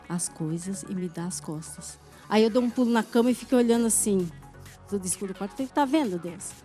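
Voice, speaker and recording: A woman's voice: medium pitch, mellow. A middle-aged woman giving an earnest church testimony, acting out the voices in her story. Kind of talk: emotional testimony.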